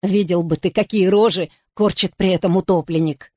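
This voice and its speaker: A woman's voice: lowish voice, steady tone, moderate pace, darkish tone, no room sound, lightly acted. A woman reading the part of a dry, impatient, level-headed man with a sarcastic, weary tone.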